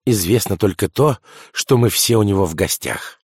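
A measured male intelligence chief explains in a low, steady voice, as a man reading the book voices him. The delivery is methodical and unhurried, recorded close and dry. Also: breathy edge, no echo. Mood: calm. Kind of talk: audiobook character voice.

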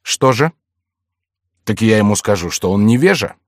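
A man's voice: fairly low pitch, lively intonation, moderate pace, dry recording, clean studio sound, lightly acted. A man voicing a bold, mocking young nobleman in a read-aloud classic novel. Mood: daring. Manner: mocking, daring.

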